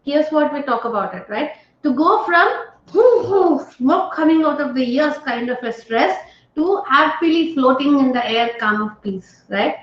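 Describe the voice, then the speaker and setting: Woman trainer, high voice, keeps asking the group "right?", roomy and dull call audio. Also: expressive, moderate pace. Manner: engaging, often checks in with "right?" and questions to participants. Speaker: stress management trainer. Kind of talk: online training lecture.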